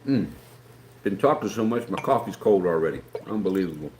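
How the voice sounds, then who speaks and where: Low-voiced and animated, a folksy Appalachian man from West Virginia talks briskly in a darkish tone while hosting a live stream. He rambles through casual chat and reads the comments out loud, in an echoey room with faint background noise.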